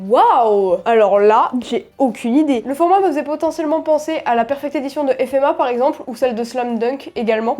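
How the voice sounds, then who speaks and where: A woman's voice: high-pitched, dark tone. A young adult woman chatting enthusiastically in a casual unboxing vlog about manga. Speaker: manga vlogger.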